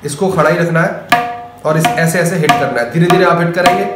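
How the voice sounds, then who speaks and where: Male tabla teacher, casual lesson, calls out drum syllables while playing loud tabla. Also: a little high, a little fast, loud music behind the voice. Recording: echoey room with loud tabla.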